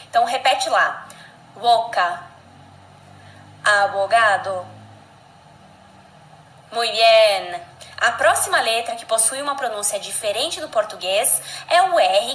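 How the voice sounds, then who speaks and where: A woman teacher giving a scripted language lesson, explaining clearly and speaking directly to the learner. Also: high voice, fairly bright tone. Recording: echoey room.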